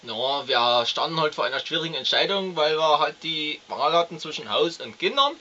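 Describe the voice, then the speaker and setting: A man's voice: fairly high pitch, very animated, moderate pace, sharp tone, dull audio, pitched above the performer's own voice. A man playing a callous, lazy young unemployed father in a comedy sketch, complaining and stammering.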